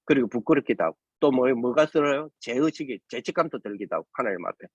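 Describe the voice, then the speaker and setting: A man's voice: medium pitch, animated, fast, breathy edge, dry recording. A man preaching a sermon, firing rhetorical questions and tagging "right?" onto nearly every phrase. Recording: dull lo-fi recording, dry.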